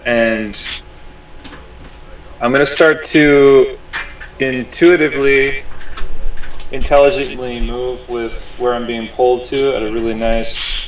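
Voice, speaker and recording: A man with a mid-pitched voice improvises as a player in a tabletop game. He speaks very slowly and deliberately, often stopping to search for words. He sounds distant from the microphone. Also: steady tone, slight background noise. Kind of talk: improvised first-person role-play description.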